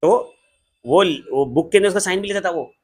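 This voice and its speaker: A man with an Indian accent teaching an accountancy class in a joking, lively way, slowing down to dictate definitions. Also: high-pitched. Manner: lively, joking, switches between Hindi and English, slows down to dictate definitions. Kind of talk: classroom lecture.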